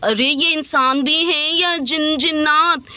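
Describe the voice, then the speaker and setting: A woman's voice: sits high, fairly even intonation, slow pace, bright, forceful tone, dry recording, full character voice. A woman voicing a dramatic village gossip who exclaims in theatrical disbelief. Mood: scandalized.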